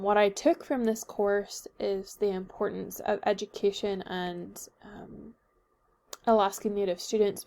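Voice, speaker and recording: A young woman from Northern Ireland, slightly sick, presents a class paper, hesitating often and saying um a lot. Her medium-pitched voice is a little mellow.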